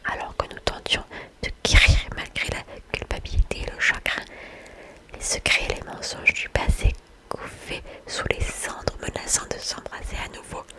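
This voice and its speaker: A woman speaking in a soft library-like whisper, talking about books and reading aloud in an ASMR style. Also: moderate pace. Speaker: book haul video host. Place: indoors, in front of bookshelves.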